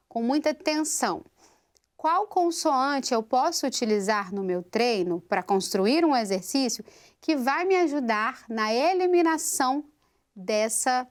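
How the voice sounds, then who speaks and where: High-voiced woman teaching singing. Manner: explains step by step with rhetorical questions. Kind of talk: vocal technique lesson.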